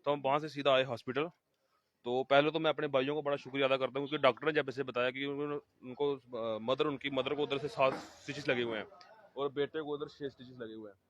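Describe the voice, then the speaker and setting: A man, a relative of the family, giving an emphatic, rapid account in an on-the-spot interview, with frequent restarts. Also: mid-range voice, steady tone. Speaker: eyewitness relative. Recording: dull, lo-fi field audio.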